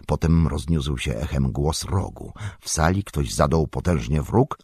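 Deep husky male audiobook narrator. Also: darkish tone, no room sound. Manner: measured, dramatic reading. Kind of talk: scripted narration.

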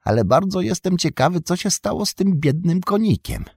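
A man voicing a homely, soft-hearted young male hobbit in an audiobook reading, wistful in manner. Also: sits high, sing-song, moderate pace, gravelly, husky, dry recording, voice pushed up, exaggerated voice. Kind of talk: audiobook character voice.

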